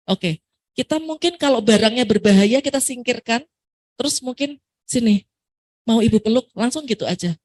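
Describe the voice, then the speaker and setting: Animated woman giving a parenting seminar. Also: a little high. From Surabaya, Indonesia. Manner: lively, animated, acts out parent and child lines. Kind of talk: seminar talk answering an audience question.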